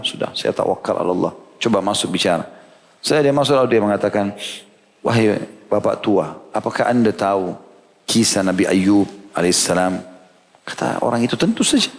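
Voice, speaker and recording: A man giving a sermon, telling a story with animated delivery and acting out the characters' lines. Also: medium pitch, gravelly. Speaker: preacher. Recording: long hall reverb.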